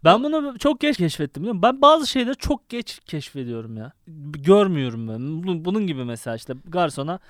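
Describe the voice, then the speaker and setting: Man, fairly high voice, dry close mic, jokey storyteller for a comedy chat. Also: big pitch swings, fast talker, few pauses, a bit bright, no room sound. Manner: jokey storyteller, laughs mid-sentence.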